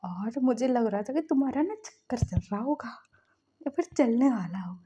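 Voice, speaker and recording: A woman's voice: a little high, animated, normal speed, mellow, slight background noise, lightly acted. Woman voicing a sulky jealous young husband. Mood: indignant. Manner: sulky, complaining, rising to outbursts.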